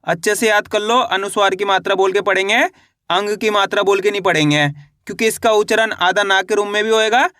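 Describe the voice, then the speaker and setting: A man teaching reading in a video lesson, drilling each sound with repeated questions and slow model words. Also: high-pitched, fairly even intonation, bright, forceful tone, dry recording, studio quality. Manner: repetitive call-and-response drilling, drawn-out model words. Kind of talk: classroom-style video lesson.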